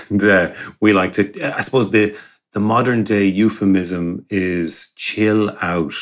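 A man with a west of Ireland accent chatting casually in a relaxed, wry, joking way. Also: fairly low pitch, slow pace. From Galway, west of Ireland. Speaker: podcast co-host. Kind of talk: casual chat.

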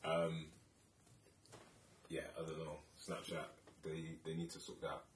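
A deep-voiced London man in his late twenties rambles casually through a podcast chat, slangy and loosely sweary. He sounds roomy and set back from the mic, with faint noise. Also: completely flat delivery, takes it slowly, distant mic. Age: late 20s. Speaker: podcast co-host.

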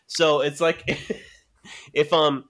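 A man's voice: a little high, little pitch movement, drawn-out words, fairly bright tone. Man, late twenties, tipsy, rambling, laughs a lot, casual podcast chat. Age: 20s. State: drunk. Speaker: podcast co-host.

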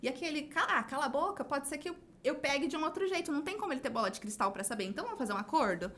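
A woman's voice: high-pitched, lively intonation, very fast, fairly bright tone, slight background noise. A woman with a Brazilian Portuguese accent, a podcast guest in casual conversation who talks expressively and acts out little bits of dialogue as she explains. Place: podcast studio.

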